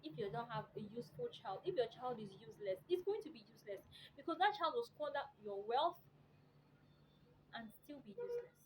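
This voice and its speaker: A woman's voice: fairly high pitch, sing-song, brisk, slight background noise, rough recording. A woman making an emotional, near-tearful appeal to parents, pleading and preachy, repeating words for emphasis. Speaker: vlogger.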